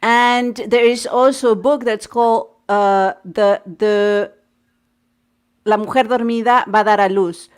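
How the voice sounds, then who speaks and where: A woman hosting a casual chat, talking eagerly and quickly and often restarting her phrases. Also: medium pitch, steady tone, clear, resonant tone. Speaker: host.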